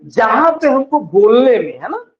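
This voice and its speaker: Very high-pitched and very animated, this male instructor works through a classroom lesson on vowels, drawing out sample words as he explains slowly and regularly asks whether his students are keeping up. Audio quality is dull and lo-fi.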